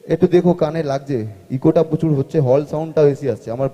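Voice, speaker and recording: A male singer from West Bengal chatting with the crowd and sound crew between songs, his voice booming back with heavy hall echo through the stage speakers. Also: fairly even intonation, quick pace. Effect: heavy cavernous hall echo. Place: large concert hall, live stage. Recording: booming echoey hall with loud live music.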